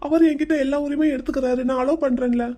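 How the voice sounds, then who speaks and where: A woman's voice: high-pitched, fairly even intonation, very fast, warm tone, lightly acted. A woman voicing a stubborn young man in a cartoon who brushes off questions and then opens up. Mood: upset explaining. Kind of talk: cartoon voice acting.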